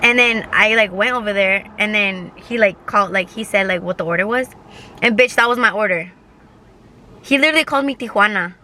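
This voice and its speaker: Young woman, 20s, bright voice, casual mukbang chat, rambling with fillers, swearing, talking while eating in a parked car. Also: mid-range voice, fairly quick, a little hiss or hum. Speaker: vlogger.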